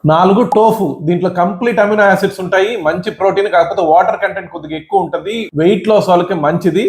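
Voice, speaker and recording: A man talks quickly and briskly, counting down a list and rattling off figures as he goes. His voice sits high for a man, and the room around him rings with echo. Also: steady tone. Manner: brisk, listing facts with numbers. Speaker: nutrition content creator.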